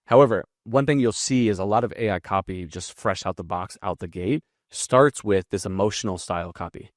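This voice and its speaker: A low-voiced man talks quickly and bluntly, explaining marketing copy in a casual, unscripted way. He swears freely and keeps a brisk, energetic flow. The recording is close and dry, with no room sound. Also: dry recording. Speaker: marketing and copywriting teacher. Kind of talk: casual screen-share breakdown.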